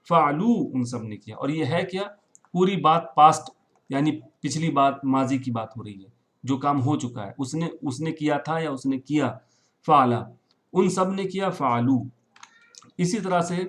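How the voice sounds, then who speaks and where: A man with a slightly higher-than-usual voice leads a recorded lesson, explaining Arabic verb forms in Urdu with English words mixed in. He speaks patiently, repeats each form and keeps checking in with his students. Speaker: Quran Arabic teacher. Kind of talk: classroom-style recorded lesson.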